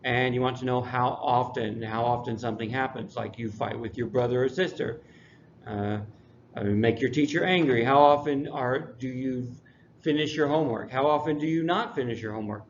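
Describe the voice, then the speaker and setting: A man teaching English and reviewing a textbook unit in a relaxed way, with dry classroom humor. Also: mid-range voice, normal speed. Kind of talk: recorded lesson review. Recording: dull lo-fi recording, faint noise.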